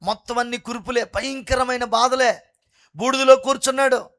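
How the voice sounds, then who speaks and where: A man preaching a fervent sermon at an all-night prayer meeting, repeatedly calling on the congregation to praise God loudly. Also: very high voice, steady tone, normal speed. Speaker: pastor.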